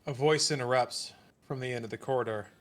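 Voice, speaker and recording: A man's voice: medium pitch, fast talker. A man casually reading stage directions aloud during a stream, with chuckling asides. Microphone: home streaming mic.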